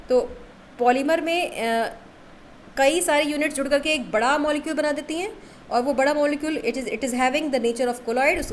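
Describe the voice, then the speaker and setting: A woman's voice: high voice, a little hiss or hum. A woman chemistry teacher giving a classroom lecture. She often checks in with "okay", asks her students questions and answers them herself, and mixes English terms into her explanation.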